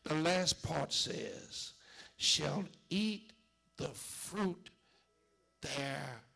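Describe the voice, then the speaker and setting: This man preaches very slowly in a creaky, somewhat high voice with lively intonation. His sermon follows a call-and-response church cadence, piling up repetitions as he swells into shouts and then sinks to whispers.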